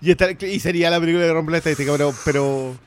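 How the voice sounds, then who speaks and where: A man with a Chilean accent co-hosting a film podcast in casual chat. He is animated and often repeats words as he starts a sentence. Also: on the high side, racing, faint music behind. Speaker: podcast co-host.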